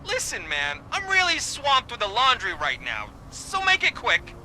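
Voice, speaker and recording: A jittery, high-voiced street dealer. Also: male voice, wildly swooping pitch, sharp tone, slight background noise, exaggerated voice, rough recording. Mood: impatient. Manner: jumpy, rude, quick to panic. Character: jittery small-time male drug dealer. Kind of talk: video game voice acting.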